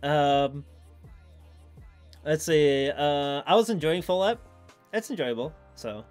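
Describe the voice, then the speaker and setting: A man's voice: fairly high pitch, slow pace, darkish tone, soft background music. A man live streaming in a casual, rambling, informal chat with his viewers.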